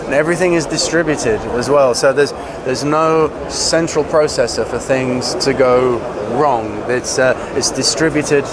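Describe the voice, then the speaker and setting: A man giving an informal, technical product demonstration as a company representative, speaking haltingly with frequent pauses. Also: medium pitch, crowd noise. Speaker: company representative presenting products at a trade show. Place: busy trade show exhibition floor. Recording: loud trade show floor noise.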